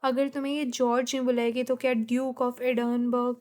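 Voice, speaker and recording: A woman teaches a class by walking through a play line by line. She quotes each character's lines in a plain, steady way rather than acting them out. Her voice sits fairly high. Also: moderate pace.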